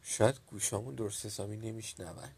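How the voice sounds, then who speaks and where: A man voicing a timid, wistful old village man in a storybook reading, in a soft, plain-spoken way. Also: lowish voice, steady tone, gravelly, breathy edge. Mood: puzzled.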